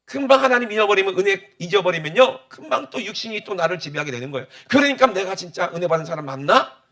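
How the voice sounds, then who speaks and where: A man's voice: high voice, animated, fast talker, sharp tone. A middle-aged man, preaching a sermon as pastor and often calling the congregation for an amen.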